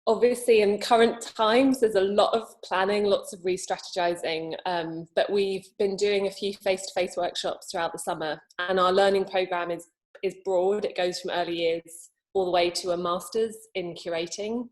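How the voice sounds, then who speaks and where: A woman's voice: medium pitch, steady tone, moderate pace, low-quality recording. A woman speaking casually as a learning specialist and guest on an online panel. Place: small cabin studio, on a video call.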